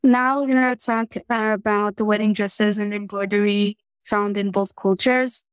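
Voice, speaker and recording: A woman's voice: medium pitch, fairly even intonation, normal speed, clean tone, dry recording, rough recording. A teenage girl from Morocco, giving a class presentation over a webcam, earnest and a little hesitant. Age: teens. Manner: earnest, slightly hesitant with fillers and restarts. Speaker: student presenter. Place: small room indoors. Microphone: webcam on a video call.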